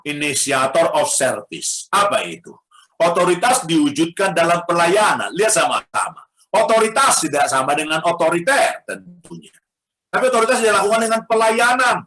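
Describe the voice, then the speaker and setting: A middle-aged man preaching a sermon to his congregation, animated, with rhetorical questions and light humor. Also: high voice. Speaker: pastor. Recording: echoey hall sound.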